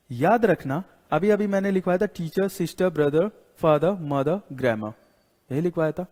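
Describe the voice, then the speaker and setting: A man's voice: on the high side, a little mellow. Man teaching in an echoing hall. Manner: explains slowly, repeats points, keeps asking "got it?"; mixes English words into Hindi. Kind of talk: classroom lecture. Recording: long hall reverb.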